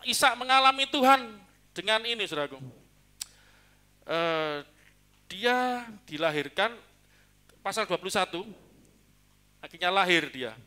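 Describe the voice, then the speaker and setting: A man preaching a sermon as pastor, talking in a lively, joking way. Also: sits high, unhurried, long pauses, smooth. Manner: lively, joking, mixes in Javanese.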